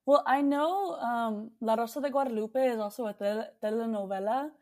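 A young woman from the United States talks casually as a guest in an interview. Her voice sits slightly high. She rambles with lots of fillers and restarts. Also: fairly quick, darkish tone. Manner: chatty, many fillers and restarts. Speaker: singer-songwriter guest.

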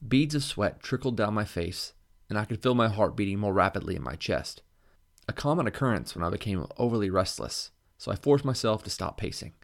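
A man reading a first-person novel aloud in a measured, even narration. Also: on the low side, creaky. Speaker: audiobook narrator.

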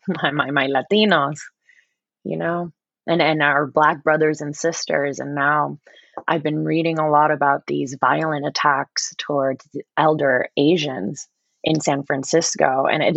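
A Puerto Rican yoga teacher, guesting on a casual podcast, speaks earnestly and passionately, often repeating words as she launches into a thought. Her voice is deep with vocal fry and a breathy edge, captured in a dry, lo-fi recording.

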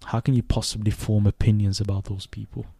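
Calm low-voiced young man reflecting. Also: vocal fry, husky, no echo. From Sweden. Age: 20s. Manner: thoughtful, unhurried, with frequent fillers and restarts. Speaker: podcast host. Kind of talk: reflective solo podcast monologue.

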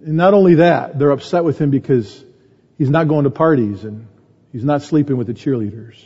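A man's voice: medium pitch, a little fast, mellow, breathy edge. A middle-aged male pastor preaching a sermon, telling stories in a conversational tone. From United States. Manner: storytelling with a conversational tone, voice rising when stressed. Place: conference hall. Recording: muffled conference recording in a reverberant hall.

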